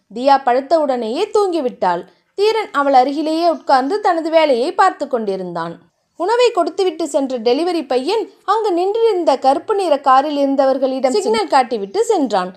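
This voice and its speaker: A woman narrating a romance novel in an expressive storytelling manner. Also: high voice. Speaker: audiobook narrator.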